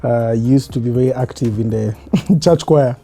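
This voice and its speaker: Mellow-voiced Kenyan man in his thirties. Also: medium pitch, normal speed. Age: 30s. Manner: relaxed, reflective, laughs often. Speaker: guest. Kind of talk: casual interview.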